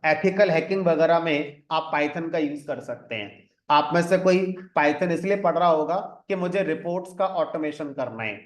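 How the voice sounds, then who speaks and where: A man in a slightly high voice gives a classroom lecture on programming. He explains one point at a time and mixes English terms into his Hindi. The recording rings with a clear room echo. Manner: explains step by step, often adds "ठीक है" to check in. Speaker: programming teacher. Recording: echoey room.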